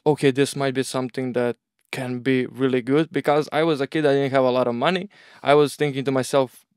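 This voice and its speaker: A young Croatian agency owner, speaking with a Croatian accent, is a relaxed, rambling interview guest who peppers his speech with "like" and "bro." His voice is mid-range and smooth, recorded in clean studio sound with no room sound.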